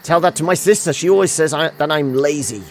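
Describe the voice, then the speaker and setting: A man's voice: fairly high pitch, a little fast, slight background noise, voice pushed up, natural voice. A man reading game dialogue aloud as a witty, vain woman who fishes for compliments in a self-satisfied, teasing way. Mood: smug, teasing. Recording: music behind the voice.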